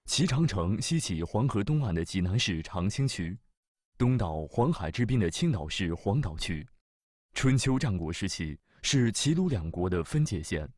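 A man narrating a travel documentary in a measured, formal way. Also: fairly low pitch, sing-song, a little mellow, no room sound, clean studio sound. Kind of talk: scripted narration.

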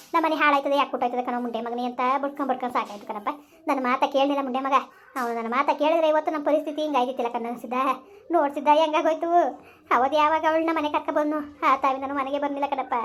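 A woman's voice: high-pitched, lightly acted. A woman playing a village mother who wails over her runaway son, with a rural Kannada dialect, in a comedy skit. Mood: lamenting. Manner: wailing, lamenting, cursing.

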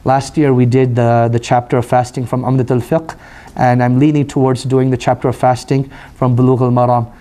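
Hoarse man giving a flat, mellow lecture. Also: medium pitch, a little fast. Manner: relaxed, conversational, frequent "you know". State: hoarse, voice recovering. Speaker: imam teaching a study circle. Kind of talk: religious lecture with Q&A.

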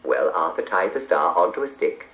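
A woman reading a children's story aloud in an expressive way, on an old cassette recording. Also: rumbling low, moderate pace, echoey room, low-quality recording. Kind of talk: scripted children's story narration.

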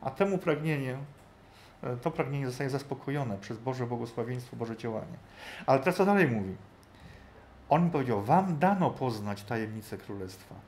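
A man's voice: medium pitch, lively intonation, normal speed, a little mellow, a little hiss or hum. A man teaching a Bible study group in a conversational way, thinking aloud and often checking in with his listeners.

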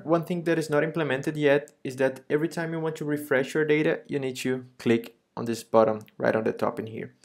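A man in a mid-range voice narrates a screen-recorded software demo. He explains each step in a relaxed, informal way. Frequent small pauses and fillers break up his talk. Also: medium pitch. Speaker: software solution architect.

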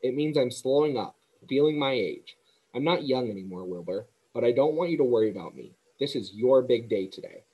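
A man reading aloud and voicing a weak, wise female spider who talks quietly and tiredly. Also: medium pitch, animated, fairly quick, husky, muffled recording. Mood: weary, gentle.

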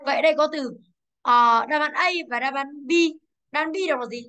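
A woman's voice: high-pitched, steady tone, brisk, bright, forceful tone. Teacher woman quizzing her class. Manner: quizzing pupils, drilling pronunciation. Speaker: English teacher. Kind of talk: classroom lesson.

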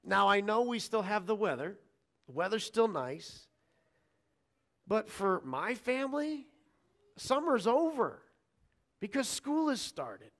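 A male pastor preaching a sermon in an animated, conversational way, acting out scripture dialogue and chatting with the congregation. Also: high-pitched, takes it slowly, pauses often. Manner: animated, acts out quoted lines with shifting voice.

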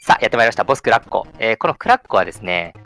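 A man commentating a live game run in a chatty way, often tagging his sentences with a soft "ne". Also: on the low side, very animated, rapid-fire. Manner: chatty, lots of sentence-final "ne" tags. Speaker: speedrun commentator.

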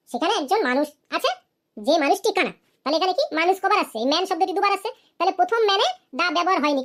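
High-voiced woman teacher, quick and questioning. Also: fairly bright tone. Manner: asks questions and answers them, slow deliberate English examples. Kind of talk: cartoon grammar lesson.

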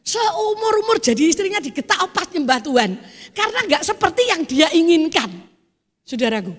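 A middle-aged woman with a Javanese accent preaching a sermon, telling chatty stories and swelling into loud exhortation. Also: very high-pitched, big pitch swings, a little fast. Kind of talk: sermon with storytelling. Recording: echoey church hall.

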